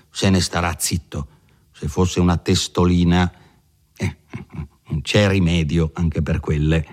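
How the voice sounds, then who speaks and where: A man's voice: low-pitched, a little mellow. A man voicing a pompous older country lawyer in an audiobook reading, patronizing at first, then blustering and dismissive.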